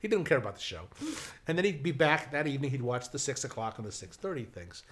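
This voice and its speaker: Middle-aged man telling a lively anecdote. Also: medium pitch, fast. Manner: lively storyteller, frequent restarts and asides. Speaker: guest, television writer. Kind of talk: casual anecdote in conversation.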